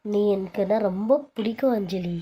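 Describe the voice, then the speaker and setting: A woman's voice: medium pitch, moderate pace, dark tone, slight background noise, natural voice. A woman voicing a scheming mother-in-law in a cartoon serial, who scolds one daughter-in-law and fusses over the other. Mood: coaxing. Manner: scolding and dismissive, then fussing and coaxing. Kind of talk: Tamil cartoon serial voice acting.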